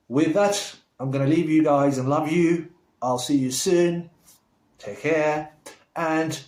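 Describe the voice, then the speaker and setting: A man of middle pitch, born in Somalia, chatting straight to camera in a loose, rambling way full of fillers and restarts. He sounds keen and upbeat when he heaps praise on someone. His voice rings around a roomy, echoey space. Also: darkish tone, a little hiss or hum. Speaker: vlogger. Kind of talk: casual chat to camera. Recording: roomy echo.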